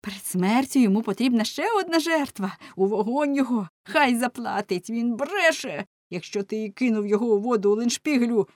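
A woman's voice: on the high side, no echo, studio quality, pitched above the performer's own voice, natural voice. A woman putting on a shrieking vengeful woman. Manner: shrieking, furious. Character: fierce woman crying for vengeance. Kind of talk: audiobook reading.

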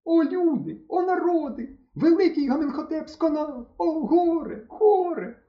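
A man's voice: high voice, very animated, a little fast, voice pushed up. A man reading an audiobook, voicing a bossy, theatrical village boy who declaims pompously. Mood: wailing. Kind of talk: audiobook character voice. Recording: dull lo-fi recording.

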